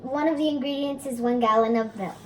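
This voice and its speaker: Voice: high voice, a little fast. A child co-hosting a casual cooking demonstration in a home kitchen. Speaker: cooking video host. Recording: roomy kitchen echo, background noise.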